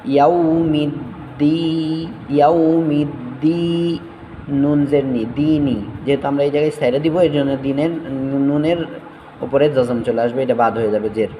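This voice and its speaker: A man teaching Quran recitation, spelling out letters syllable by syllable and chanting verses slowly between quick explanations. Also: mid-range voice, steady tone, warm tone, long reverb tail, slight background noise, rough recording.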